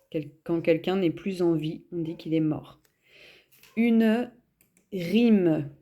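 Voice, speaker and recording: A woman teacher sounds out reading homework syllable by syllable, pausing deliberately between each one. Her delivery is extremely slow and unhurried, with a mellow, warm tone. She explains simple words patiently, the way one does for small children. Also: fairly low pitch. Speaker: schoolteacher. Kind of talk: homework reading and dictation lesson.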